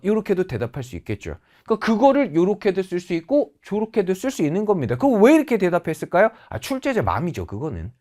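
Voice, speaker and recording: A woman's voice: lowish voice, a little mellow. A woman teaching a TOEIC English class in Korean with Korean-accented English phrases, acting out quoted dialogue in exaggerated tones. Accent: Korean, with English example phrases. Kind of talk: lively lecture.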